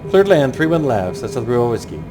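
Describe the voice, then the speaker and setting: A man's voice: mid-range voice, very animated, fairly quick, over music. Man talking like a cockpit pilot. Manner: calls out checklist items and explains instruments. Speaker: flight sim pilot.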